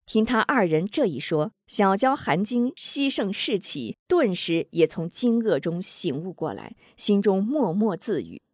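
A woman storyteller narrating a martial-arts tale in a lively voice, reading every part herself. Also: mid-range voice, measured pace, hardly any pauses, no room sound, clean studio sound.

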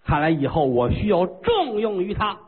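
A man's voice: high voice, big pitch swings, normal speed, husky, soft background music, heavily acted. A man voicing an anxious, cunning newly crowned king in a told story. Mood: fretting. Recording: tinny phone-like sound.

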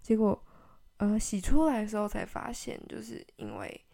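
Giggly young woman with a gravelly voice. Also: medium pitch, huge pitch swings, normal speed, dark tone. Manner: rambling, many fillers, giggly asides. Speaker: podcast host. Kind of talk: casual storytelling podcast. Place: home.

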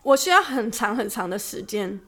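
A young woman, co-hosting a casual podcast chat and telling stories in an animated way with frequent laughs. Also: medium pitch, normal speed. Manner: animated storytelling, laughs often. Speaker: podcast co-host.

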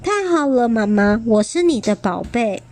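A woman voicing a frightened, tearful young dinosaur boy in a storybook reading, with a high, childlike, stammering voice. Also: expressive, moderate pace, a little mellow, natural voice. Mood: soft.

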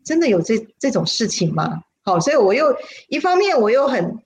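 A woman, a spiritual teacher telling a personal story on a livestream in an animated, dramatic way, her voice leaping up at exciting moments. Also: a little fast, a little hiss or hum. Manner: animated, dramatic storyteller with sudden pitch leaps.

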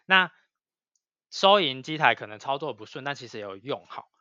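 A man, co-hosting a podcast in casual chat, animated and swearing freely as he vents. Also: medium pitch, normal speed, no room sound. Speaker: podcast co-host. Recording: dull lo-fi dry sound.

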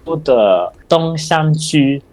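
A man's voice: a little high, lively intonation, slow, noisy background. A man from Japan with a Japanese accent hosting a casual podcast in his second language, often searching for words. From Osaka, Japan. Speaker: podcast host.

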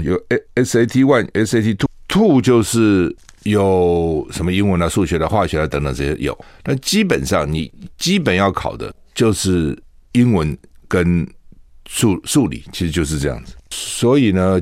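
Male radio host, low and lively, argumentative, piles on rhetorical questions. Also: no room sound, clean studio sound. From Taiwan. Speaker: radio talk show host. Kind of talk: opinionated radio commentary. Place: radio studio.

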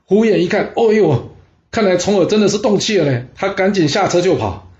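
A man telling a historical story in a lively, conversational way, with rhetorical asides. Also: sits high, fast talker, muffled recording.

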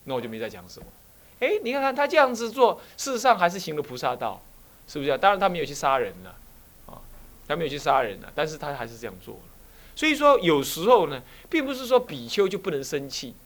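A man's voice: on the high side, fast. A man with a Taiwanese Mandarin accent, a Buddhist abbot giving a dharma talk full of stories and rhetorical questions. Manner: animated storyteller, frequent rhetorical questions.

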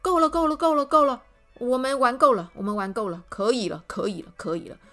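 A woman doing a loud, stammering, indignant gentleman. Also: on the high side, fast talker, faint music behind. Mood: indignant ranting. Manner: shouting, stammering and repeating himself. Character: loud, huffy, stammering male guest fed up with the host. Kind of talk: storybook reading for children.

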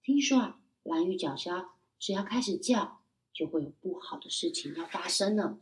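A woman storyteller reading a children's story, animated and expressive, talking directly to young listeners. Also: on the low side, normal speed, recorded from a distance, slight background noise.

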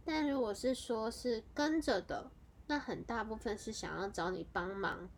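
A woman, hosting a podcast and casually telling a story in a chatty, animated way, running her clauses together with fillers. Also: moderate pace. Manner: animated, jumps into high excited exclamations. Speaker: podcast host.

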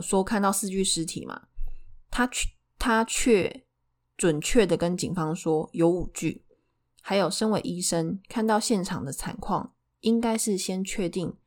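A woman's voice: on the low side, moderate pace. A woman with a Taiwanese Mandarin accent telling true crime in a conversational way as a narrator, putting questions to her listeners. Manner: poses rhetorical questions to listeners.

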